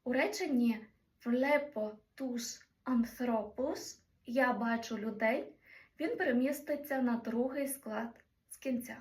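Woman teaching grammar, slow careful examples. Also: fairly high pitch, echoey room, far from the mic, background noise. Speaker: Greek language teacher. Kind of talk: explaining grammar in a lesson.

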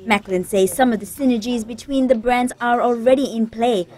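A woman's voice: on the high side, steady tone, normal speed, darkish tone. A woman reading a scripted news report. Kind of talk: scripted narration.

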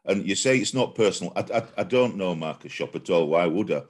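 Deep-voiced man, blunt co-host. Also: expressive, fairly quick, slightly rough. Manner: stammering starts, blunt and emphatic. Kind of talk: casual video-call football chat. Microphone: video call.

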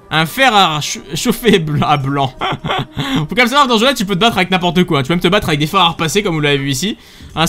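An excitable man talks over his own gameplay in a high, sharp voice that leaps all over the place. He swears, laughs and yelps at the screen. Faint game music plays behind him. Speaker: gamer commentating his own play. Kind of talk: let's play commentary.

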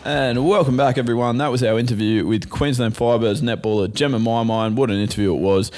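A man hosting a casual sports podcast, chatty and quick to laugh between phrases. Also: medium pitch, steady tone, over music. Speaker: podcast host.

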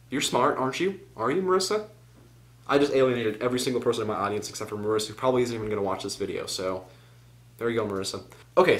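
A teenage boy with a mid-range, fairly bright voice rambles casually in a home vlog, recorded on the camera's built-in mic. He keeps drifting into tangents and poking fun at himself.

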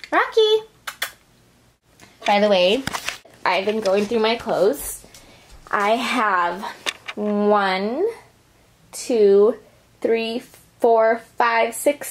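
A woman talking casually in a try-on haul vlog, chatty and gushing, with plenty of "like" and "oh my gosh.". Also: mid-range voice. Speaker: vlogger.

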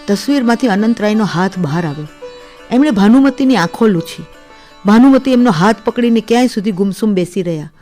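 A woman narrating a literary short story for radio in a measured, expressive reading. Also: mid-range voice, soft background music.

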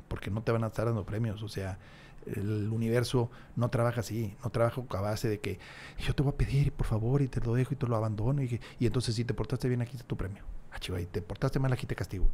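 A man's voice: on the low side, a little mellow, a little hiss or hum. A man, a podcast guest talking reflectively and emphatically with frequent restarts, on a desk mic in a small studio. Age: 60s. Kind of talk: casual interview chat. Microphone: large desk mic, headphones.

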